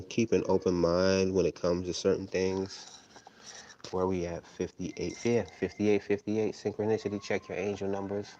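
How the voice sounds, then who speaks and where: A man's voice: low-pitched, warm tone, lo-fi sound. A man in his thirties hosting a tarot live stream, rambling casually and tagging his points with "right?". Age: 30s. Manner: rambling, tags sentences with "right?".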